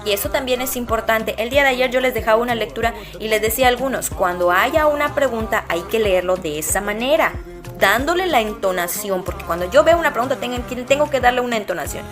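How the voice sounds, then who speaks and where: A young adult woman with a Mexican accent teaches a classroom lesson, patiently walking her pupils through it step by step. Her voice is fairly high, animated, and quick, with music playing in the background.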